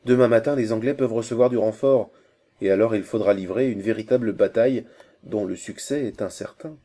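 A man's voice: lowish voice, fairly quick, warm tone, close to an everyday voice. A man reading aloud and voicing an Indian messenger, a fierce conspirator full of urgency and hatred for his enemies. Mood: urgent. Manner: urgent, scornful, savage laughter.

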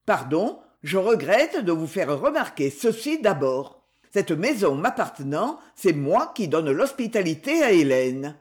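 Woman doing a cool composed young guy, dry ironic way of talking, measured. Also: fairly low pitch, very animated. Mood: coldly ironic. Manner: cold irony, measured. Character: calm, cool-mannered young man, ironic. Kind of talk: audiobook reading.

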